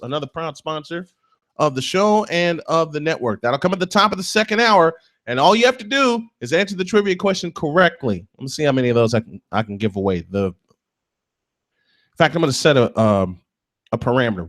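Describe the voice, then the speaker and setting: A man hosting a live morning sports talk show, reading sponsor spots and chatting excitably while fumbling with his setup. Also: on the high side.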